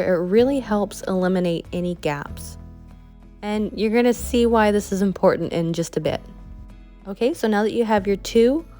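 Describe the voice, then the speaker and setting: A woman's voice: mid-range voice, darkish tone. A woman with a Canadian accent, explaining a craft project step by step in a friendly, chatty way. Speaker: craft instructor. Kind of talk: tutorial voice-over.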